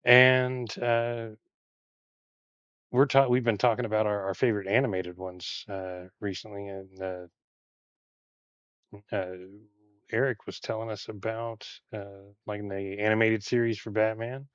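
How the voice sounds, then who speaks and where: A man's voice: lowish voice, measured pace, long pauses, smooth, dry recording, dull audio. A man with a Texan accent chatting casually on a live stream while building Lego, rambling with lots of fillers. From Texas. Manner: relaxed, rambling with many fillers.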